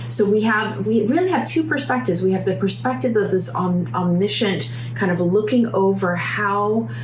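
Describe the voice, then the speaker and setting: Woman, slightly low pitch, scratchy sick voice, casual book review, halting enthusiastic phrasing, roomy echo. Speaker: book reviewer and vlog host. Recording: roomy echo, clear background noise, hum.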